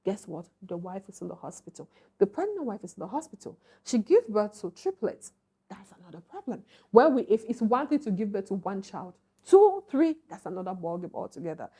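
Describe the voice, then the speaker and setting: A woman's voice: mid-range voice, big pitch swings, fairly quick, mellow, husky. A woman giving a casual spoken film review, chatty and calling her viewers honey and baby. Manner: chatty, addresses viewers as honey and baby, asks "are you getting?". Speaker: movie reviewer.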